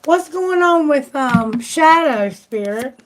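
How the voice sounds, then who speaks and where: A woman's voice: high-pitched, expressive, takes it slowly, a little hiss or hum, poor audio. A woman doing a live tarot reading, chatty and exclamatory, thinking aloud, and losing her voice. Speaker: tarot reader.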